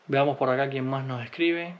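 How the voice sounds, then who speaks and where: A man from Cuba, answering viewer comments in a relaxed, unhurried vlog, often pausing with hesitations. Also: mid-range voice, muffled recording. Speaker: vlogger.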